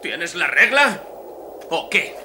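A voice actor playing a lazy, dismissive husband who runs a gas station in a dubbed film. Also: male voice, fairly high pitch, sing-song, slow, pushed and bright, slight background noise, exaggerated voice. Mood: sullen. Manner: mocking, dismissive.

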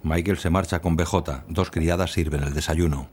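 A man narrating an audio description of a film in a brisk, neutral manner. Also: rumbling low, steady tone, darkish tone, slight background noise. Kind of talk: scripted narration.

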